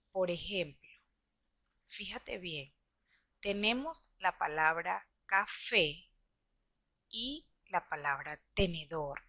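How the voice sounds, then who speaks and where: A woman teacher reading a scripted lesson for schoolchildren, explaining slowly and deliberately. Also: fairly low pitch, pushed and bright, dry recording. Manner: slow, deliberate explaining to children.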